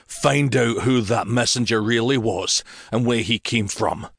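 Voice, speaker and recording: A man's voice: medium pitch, a little slow, gravelly, slightly rough, no room sound, clean studio sound, heavily acted. A male narrator voicing a grieving king who gives orders to his guards. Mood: commanding. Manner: hushed, then hard and snarling.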